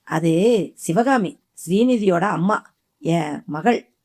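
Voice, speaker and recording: A woman voicing a gentle, puzzled old grandmother in an audiobook, with a high quavering voice. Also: expressive, extremely slow, full character voice. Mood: plain.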